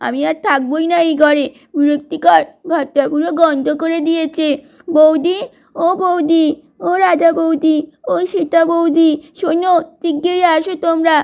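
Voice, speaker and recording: A woman voicing a bossy, easily annoyed young aunt in a doll-play story, complaining loudly. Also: very high-pitched, little pitch movement, normal speed. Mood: irritated.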